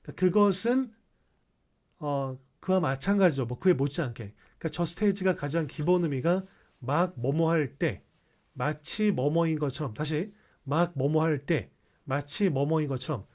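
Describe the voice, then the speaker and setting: Guy teaching english grammar in a lecture, reads lines out then explains, keeps asking right?, kinda high voice. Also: normal speed, a little mellow. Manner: explanatory, mixing Korean with English readings, frequent rhetorical checks. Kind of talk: explaining sentences in a recorded class.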